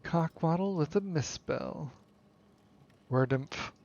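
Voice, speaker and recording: Slow, gravelly man teasing his chat. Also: a little high, muffled recording. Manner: teasing, chatting with viewers. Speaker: streamer. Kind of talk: casual live-stream chat while building a park.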